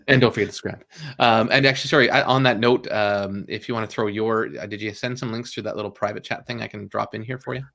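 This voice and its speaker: Gravelly low-voiced man hosting a stream. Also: fairly even intonation, quick pace, hardly any pauses, bright, forceful tone. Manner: rambling, frequent fillers and apologies, laughs often. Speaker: livestream host. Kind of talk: casual livestream chat.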